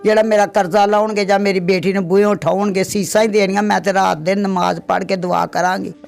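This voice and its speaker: A woman's voice: medium pitch, fairly even intonation, fast, vocal fry, darkish tone. A middle-aged woman from Pakistan, giving a plaintive interview testimony and repeating her complaints. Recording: faint background music.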